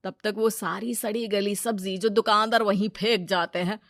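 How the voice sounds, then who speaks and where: A woman voicing a greedy, scheming male village moneylender, loud and brash in a cartoon story. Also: mid-range voice, steady tone, moderate pace, no echo, studio quality, lightly acted.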